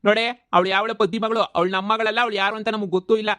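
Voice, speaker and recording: Male actor as a middle-aged village landlord in a comedy cartoon, bullying and shouting, dry recording. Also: high voice, level tone, fast, no echo. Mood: angry, threatening. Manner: shouting insults and threats.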